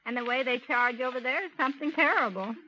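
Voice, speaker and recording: A woman's voice: sits high, fast talker, sharp tone. A woman playing a fluttery, gushing guest in 1930s radio comedy. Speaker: comic guest. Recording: old lo-fi radio recording with hiss.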